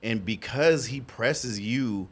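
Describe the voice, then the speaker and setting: A man's voice: medium pitch, slow pace, a bit bright, breathy edge. A man co-hosting a podcast in casual, conversational chat. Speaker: podcast co-host.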